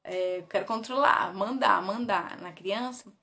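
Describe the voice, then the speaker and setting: A woman's voice: mid-range voice, unhurried, sharp tone. A woman with a Brazilian Portuguese accent, a parenting educator, giving tips in a casual, conversational way and often tagging her sentences with a question. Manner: conversational, often ends with "né?", reads from notes.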